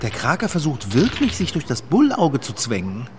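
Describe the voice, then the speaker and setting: Ein Mann spricht einen ängstlichen, schreckhaften Begleiter in einem Hörspiel. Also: male voice, medium pitch, wildly swooping pitch, normal speed, noisy background. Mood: anxious. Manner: anxious, easily startled. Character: timid, jumpy male sidekick.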